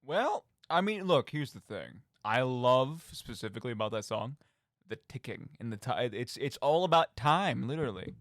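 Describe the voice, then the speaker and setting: A man with a mid-range voice at a moderate pace hosts a radio show alone, rambling casually about video games. He's animated and theatrical, with mock outbursts and conversational asides, and the clean studio sound has no room echo.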